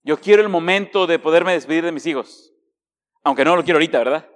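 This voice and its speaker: A man preaching a sermon as a pastor. He asks the congregation direct questions and swings between hushed, slow passages and raised, emphatic ones. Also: fairly high pitch, in a large hall.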